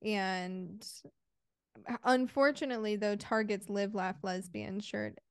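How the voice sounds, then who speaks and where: A woman co-hosting a podcast in casual chat, playful and quick to laugh. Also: mid-range voice, steady tone, clean tone, dry recording, studio quality. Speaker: podcast co-host.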